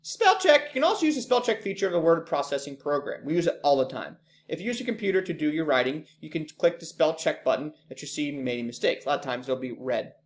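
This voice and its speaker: A man's voice: on the high side, animated, fast talker. Casual man teaching an online class. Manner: casual, many ums, apologetic slips.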